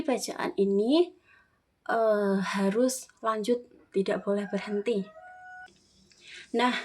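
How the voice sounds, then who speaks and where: A young woman with an Indonesian accent teaching a classroom lesson on Quran recitation, speaking slowly and clearly and modelling phrases for children to repeat. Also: fairly high pitch, a little mellow. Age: young adult. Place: classroom with a whiteboard.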